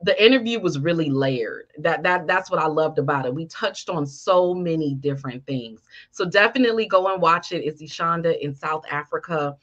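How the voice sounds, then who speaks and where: A woman's voice: low voice, normal speed, hardly any pauses, highs cut off. A woman co-hosting a reaction podcast, chatty and emphatic in casual conversation. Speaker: podcast co-host.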